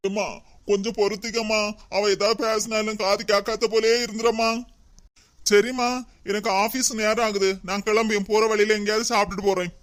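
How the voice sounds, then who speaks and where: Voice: medium pitch, little pitch movement, brisk, natural voice. A performer voicing a dutiful young husband and son in a cartoon, with a Kanyakumari Tamil accent, who pleads and soothes but can turn firm. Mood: pleading. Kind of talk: cartoon voice acting.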